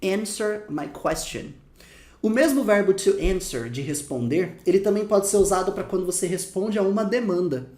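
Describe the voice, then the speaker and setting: A man with a Brazilian Portuguese accent teaching English phrases in a casual lesson, lively and slowing down to repeat the examples. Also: sits high, echoey room. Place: room with dogs barking outside.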